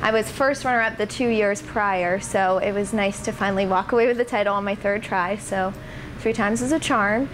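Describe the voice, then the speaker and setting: A woman's voice: mid-range voice, moderate pace. A young woman giving poised, explanatory pageant answers in an interview. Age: young adult. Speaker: pageant titleholder being interviewed. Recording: noisy room ambience.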